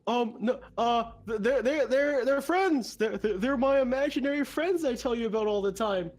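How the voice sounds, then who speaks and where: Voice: mid-range voice, flat delivery, very slow, darkish tone, voice pushed up. A man voicing a timid, flustered ogre who stammers nervously. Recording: background noise.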